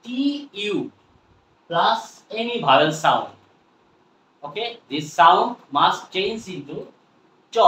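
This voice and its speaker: A man's voice: on the high side, fairly bright tone. A man with a Bangladeshi accent teaching English pronunciation, repeating words many times and asking his viewers questions. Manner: slow, repetitive drilling with frequent questions to viewers. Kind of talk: pronunciation lesson. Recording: roomy sound from a distant mic with faint noise.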